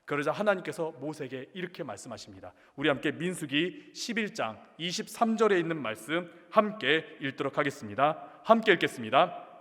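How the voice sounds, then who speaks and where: A male pastor preaching a sermon, telling the scripture story in an animated, dramatizing way. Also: a little high, a little fast. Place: large church sanctuary. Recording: long reverb of a large church hall.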